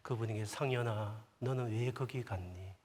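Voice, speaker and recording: A pastor voicing the hushed, gentle inner voice of the Lord. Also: male voice, on the low side, moderate pace, a little hiss or hum, natural voice. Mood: tender. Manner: soft, hushed, at times whispered. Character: gentle male voice of the Lord speaking inwardly. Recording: long church hall reverb.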